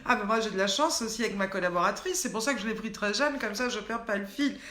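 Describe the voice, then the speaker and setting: Talking fast in a mid-range, slightly bright voice, the host of a daily online show, an older woman, runs a live stream from an echoey room. She teases viewers with quiz questions and reads their names and comments aloud.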